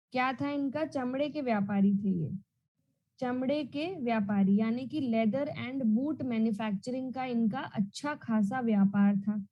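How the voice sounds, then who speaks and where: A woman teaching an online class, loudly and emphatically and repeating questions so students answer back. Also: on the high side, highs cut off. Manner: repetitive question-and-answer drilling; loud and emphatic.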